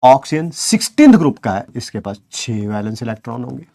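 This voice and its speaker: A man with a mid-range, gravelly yet mellow voice teaches online chemistry briskly in a sing-song manner. He counts aloud while pointing at the board, encourages his students, mixes English words in, and answers his own questions as if he were a student.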